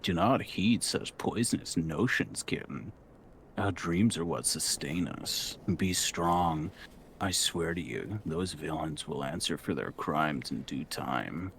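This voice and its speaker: A man's voice: very deep voice, expressive, slow, gravelly, fairly bright tone, a little hiss or hum, exaggerated voice. A man voicing a stern but protective resistance captain in a fantasy game, solemn and commanding. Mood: solemn resolve. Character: gruff, deep-voiced adult male resistance captain, stern but protective. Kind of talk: hammy fantasy game voice-over.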